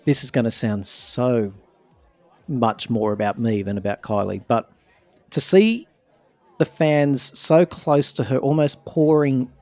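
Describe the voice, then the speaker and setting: A man co-hosting a podcast, chatting in a warm, reassuring, enthusiastic way while he is losing his voice. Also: medium pitch, unhurried, no echo, soft background music. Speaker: podcast co-host. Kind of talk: casual fan chat.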